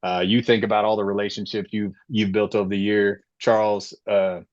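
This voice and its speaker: A podcast host in his late forties from Florida, USA, tells his own story with passion on a casual sports podcast. His voice is on the low side and fairly quick, but the delivery is flat, and the recording sounds dry and dull.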